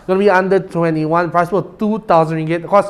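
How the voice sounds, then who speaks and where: Higher-voiced Malaysian man casting esports. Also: fairly even intonation, quick pace. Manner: colloquial, uses 'lah' particles. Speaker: esports tournament caster. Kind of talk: casual bantering esports commentary.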